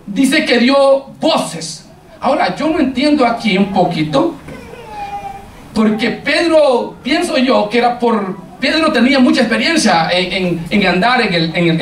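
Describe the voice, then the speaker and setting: High-voiced preacher, slow and echoey. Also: male voice, a bit bright, slight background noise. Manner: halting, repeats words while searching; addresses the congregation directly. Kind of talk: sermon. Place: church hall. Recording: echoey room, far from the mic.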